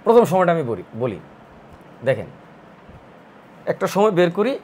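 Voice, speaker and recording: A man tutoring math, working through a problem slowly and step by step, thinking aloud as he draws. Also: high-pitched, huge pitch swings, darkish tone, a little hiss or hum. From Bangladesh. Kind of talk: recorded math lesson.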